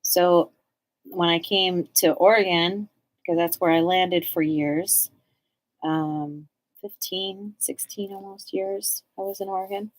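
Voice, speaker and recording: A woman's voice: on the low side, fairly even intonation, takes it slowly. A woman in her forties from Southern California, chatting casually and rambling as she makes art on a live stream. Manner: rambling and chatty, full of likes. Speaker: artist hosting a live stream. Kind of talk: casual chat while making art.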